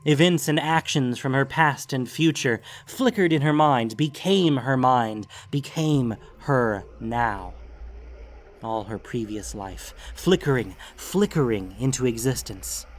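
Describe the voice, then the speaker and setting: In a medium-pitched voice, a man narrates scripted fantasy fiction gravely and deliberately, leaning on theatrical emphasis.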